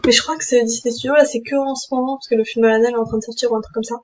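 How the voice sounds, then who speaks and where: A woman's voice: fairly high pitch, steady tone, very fast, darkish tone. Chatty young woman, lo-fi mic. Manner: chatty, many fillers and restarts. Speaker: YouTuber showing her game account. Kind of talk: casual gameplay commentary.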